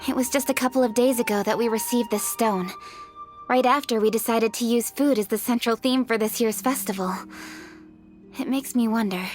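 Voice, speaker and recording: An actress playing an earnest young female scholar who explains old traditions in a measured, thoughtful way. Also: fairly high pitch, a little mellow, soft background music, close to an everyday voice. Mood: explaining.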